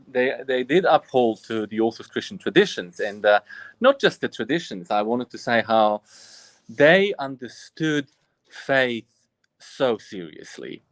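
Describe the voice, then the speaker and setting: A man's voice: medium pitch, dry recording. A man of about forty, from Bosnia, an Orthodox priest telling his story earnestly as a guest, often restarting his sentences. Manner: earnest and reflective, frequent restarts. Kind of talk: personal storytelling in interview.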